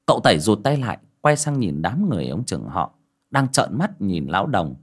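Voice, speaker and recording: A man narrating a ghost story audiobook with expressive storytelling. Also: fairly low pitch, brisk, breathy edge. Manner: storytelling with expressive rises and falls. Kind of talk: scripted narration.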